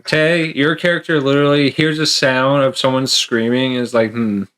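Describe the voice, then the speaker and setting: A man's voice: medium pitch, level tone, moderate pace, a bit bright, smooth. A man running a tabletop game as game master, rambling with lots of fillers and frequent laughter.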